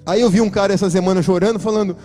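A man's voice: sits high, steady tone, rapid-fire, warm tone, faint music behind. A man with a Brazilian Portuguese accent preaching an emphatic church sermon as a pastor, addressing his congregation directly.

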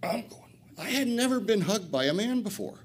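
An older recovery speaker from Flint, Michigan, tells a profane, self-mocking story at a retreat, laughing often. His voice is high-pitched, husky, and sing-song, and he talks a little fast.

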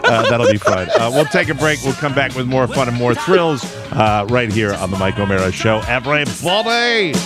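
A man's voice: medium pitch, big pitch swings, moderate pace, few pauses, music in the background. A man hosting a talk show, chatting casually, teasing his co-hosts and laughing often. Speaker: show host. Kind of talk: casual chat.

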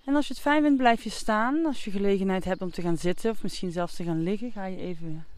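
A calm yoga instructor with a clear, smooth voice at a medium pitch. The delivery is soothing and unhurried, guiding breathing, stretching and relaxation step by step. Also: dry recording.

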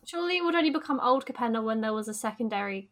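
A woman co-hosting a casual podcast, playful, with quick reactions. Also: a little high, lively intonation. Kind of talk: casual chat.

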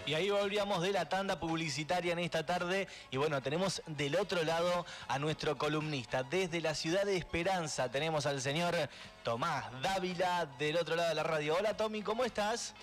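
A man's voice: a little high, fairly quick, fairly bright tone, soft background music. A man in his twenties with an Argentine Spanish accent, hosting a radio show in a friendly, easygoing way with curious questions. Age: 20s. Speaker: radio host. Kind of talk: casual radio chat.

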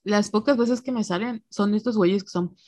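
A woman's voice: medium pitch, a little fast, darkish tone, dry recording. Blunt young woman, dry sound. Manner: blunt, acts out quoted people. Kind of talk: casual chat.

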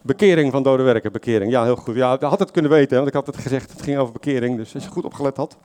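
A man's voice: medium pitch, fairly even intonation, rapid-fire, darkish tone. Man preaching an informal sermon. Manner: conversational, many fillers and self-corrections, asks the congregation questions. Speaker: lay preacher.

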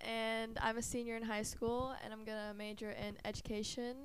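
An eighteen-year-old woman from Illinois joins a casual podcast as a guest and talks about herself in an easygoing, matter-of-fact way. Her voice sits a little high. A faint hiss runs under the recording. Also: little pitch movement, moderate pace. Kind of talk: casual chat.

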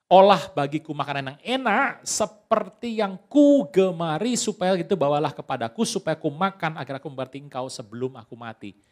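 A pastor voicing an old, blind, dying father who asks his son to hunt and cook him a meal, in a slow and pleading way. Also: on the high side, lively intonation, lightly acted.

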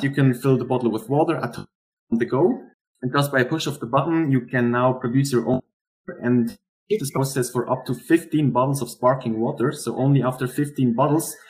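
Man, startup founder, pitch delivery, earnest, explanatory, halting pauses, medium pitch. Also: rough recording. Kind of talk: rehearsed startup pitch and answers.

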